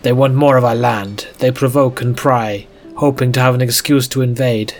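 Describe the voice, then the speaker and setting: A man voicing a stern, gruff father who is suspicious and protective. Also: medium pitch, steady tone, normal speed, faint music behind, pitched above the performer's own voice, natural voice.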